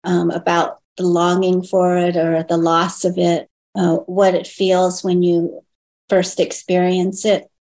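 A woman born in Hong Kong and raised in the United States, a guest in an interview, speaking thoughtfully with pauses and restarts and lifting her voice when she quotes others. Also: fairly low pitch, monotone, a little mellow. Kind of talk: reflective personal interview.

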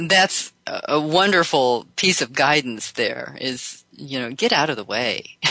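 A woman's voice: very deep voice, fairly bright tone, no room sound, rough recording. A woman hosting an internet radio talk show, speaking in a reflective, encouraging way.

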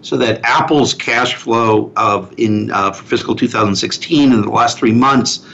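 A man giving unscripted financial commentary as a portfolio manager, halting and restarting his phrases. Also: mid-range voice, creaky, fairly bright tone. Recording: dull lo-fi sound, faint noise.

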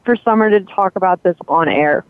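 A man with a high voice speaks as a guest, dry and sarcastic. His voice comes over a tinny, phone-like line. The sound is close and dry. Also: a little fast, smooth, no room sound. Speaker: assistant and guest.

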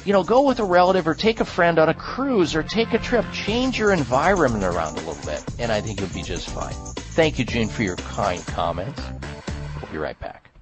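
Animated, higher-voiced male health radio host. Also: moderate pace, music in the background. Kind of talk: health advice and host-read product endorsements. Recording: dull lo-fi radio sound.

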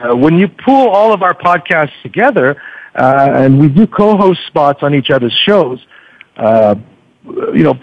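On dull lo-fi radio audio, a man with a medium-pitched voice speaks as an interview guest, though he's normally a podcast host. The recording is dry, and he comes across chatty and hesitant, leaning on ums and fillers.

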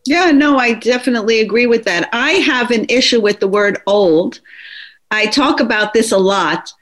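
A woman's voice: fairly high pitch, normal speed, fairly bright tone. Earnest woman in her sixties. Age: 60s. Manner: earnest, fluent, with frequent restarts. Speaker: author and former nursing home worker. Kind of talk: conversational discussion.

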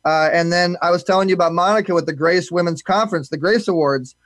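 A man's voice: sits high, quick pace, a bit bright, no echo. A man hosting a live talk show, rambling and repeating words as he talks. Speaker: host.

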